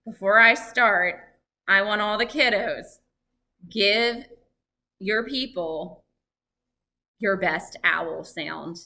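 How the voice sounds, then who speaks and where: Woman, bright voice, lively, chatty, interactive family lesson. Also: medium pitch, slow, long pauses. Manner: lively, chatty, exclaims and asks the audience questions. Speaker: library program presenter on birds.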